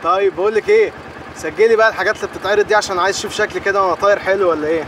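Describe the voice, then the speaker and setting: A vain, boastful husband with an Egyptian accent, talking very fast in a high voice. Traffic and street noise are heard behind him. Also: male voice, a bit bright. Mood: chatty. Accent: Egyptian Arabic. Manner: boastful, chatty. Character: vain, chatty husband on the phone. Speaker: actor. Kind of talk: TV comedy series acting.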